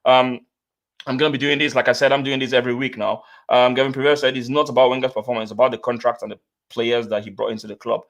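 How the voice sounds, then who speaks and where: Host of a football stream, fast speech, casual chat, repeats stuff, man from nigeria. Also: medium pitch, steady tone. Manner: talks fast, repeats himself, reads out viewer comments. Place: home studio, remote guests on call.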